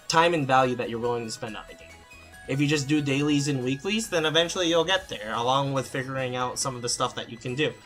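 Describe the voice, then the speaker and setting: A man streams a game and answers chat questions casually, rambling with lots of fillers and restarts. His voice is medium-pitched and a bit bright.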